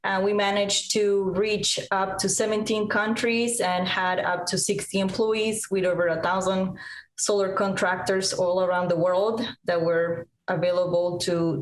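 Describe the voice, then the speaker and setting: A woman's voice: level tone, a little slow. Chatty woman guest in her forties, video call interview, roomy sound. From Colombia. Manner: chatty, eager, many fillers. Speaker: guest, nonprofit CEO. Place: home room over video call. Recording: echoey room with faint rumble.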